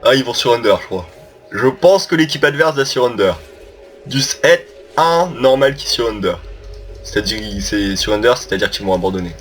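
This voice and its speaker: A man giving casual gameplay commentary, taunting his opponents and getting excited over his kills. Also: mid-range voice, moderate pace, faint music behind.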